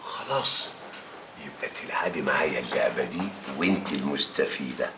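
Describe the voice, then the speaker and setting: An actor playing a proud, scheming former village mayor with an Egyptian accent, insistent in manner. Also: male voice, extremely low pitch, lively intonation, brisk, roomy sound, noisy background. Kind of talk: TV drama acting.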